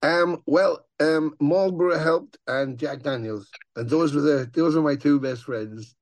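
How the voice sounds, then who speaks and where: A man talks in a gravelly, fry-laden voice. He tells tour stories loosely, swearing freely and acting out the other people's voices. The sound is dry and close. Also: on the high side, a little slow, dry recording. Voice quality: gravelly growl. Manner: swearing, animated storyteller who acts out voices. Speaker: touring metal musician, guest. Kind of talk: casual interview chat.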